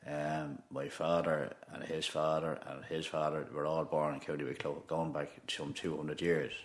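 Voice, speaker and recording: Older man, Dublin accent, very deep voice, hesitant interview answers, roomy echo. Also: level tone, moderate pace. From Ireland. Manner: hesitant, many ums and uhs.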